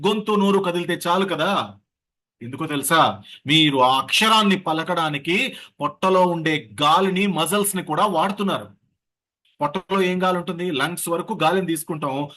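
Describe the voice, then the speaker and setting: A voice coach with a bright, slightly high voice leads an online voice workshop over a video call. He's lively as he guides participants through breathing and sound drills.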